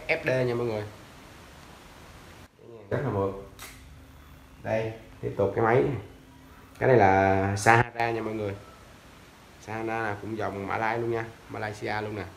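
A man's voice: lowish voice, fairly even intonation, moderate pace, gravelly, long pauses, a little hiss or hum. A young man in a casual sales chat, loosely showing off used fishing reels and rods while sitting on a tiled floor, often calling out to the viewers. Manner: loose and chatty, fumbling for brand names, often calling out to viewers. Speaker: seller of used fishing gear. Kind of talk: casual sales talk to camera. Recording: echoey tiled room.

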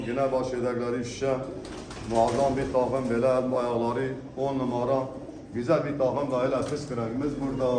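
A man giving an unscripted auctioneer's sales pitch, presenting lots in an emphatic way and repeating his phrases. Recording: echoey room with background noise. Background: birds, pigeons.

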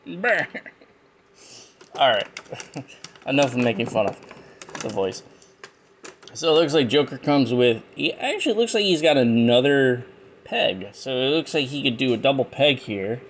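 A man's voice: lowish voice, a little hiss or hum. A man giving rambling, jokey commentary as he unboxes and reviews action figures. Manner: rambling, jokey, with frequent fillers. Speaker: toy reviewer.

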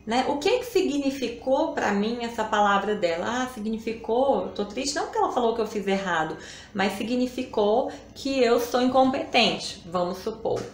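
A woman's voice: a little high, animated, moderate pace, a little hiss or hum. A woman, hosting a live stream and talking about emotions in a casual, reflective way, often adding little tag questions. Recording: roomy echo.

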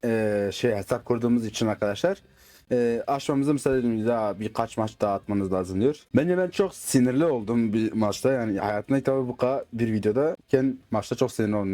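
Excitable gamer man, swearing, mellow voice. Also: medium pitch, no room sound. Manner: excitable, swears when frustrated at the game; says he slips into dialect when angry. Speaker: gaming YouTuber. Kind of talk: casual gameplay commentary. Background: faint game gunfire.

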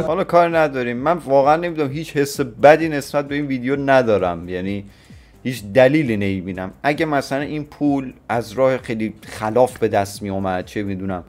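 A man's voice: mid-range voice, darkish tone. A man in his twenties from Iran giving blunt, opinionated reaction commentary with crude slang. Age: 20s. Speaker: YouTuber reacting to a clip.

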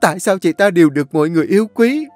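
A man's voice: big pitch swings, moderate pace, fairly bright tone, no echo, faint music behind, heavily acted. A man doing a shrieking, hysterical young wife. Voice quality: shrill, shrieking.

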